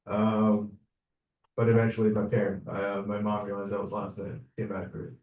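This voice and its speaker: A man's voice: fairly low pitch, level tone, moderate pace, a little mellow. A young male student from China tells a story in class, hesitant and casual. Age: young adult. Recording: echoey room, from a distance.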